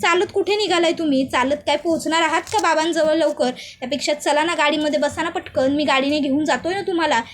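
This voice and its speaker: A woman's voice: high voice, a little fast, few pauses, close to an everyday voice. A woman doing a coaxing young husband. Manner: pleading, coaxing.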